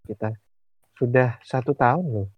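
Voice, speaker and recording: A man's voice: mid-range voice, unhurried, slightly rough, no echo. A man chatting casually as a podcast host. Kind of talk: casual chat. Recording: dull, band-limited close recording.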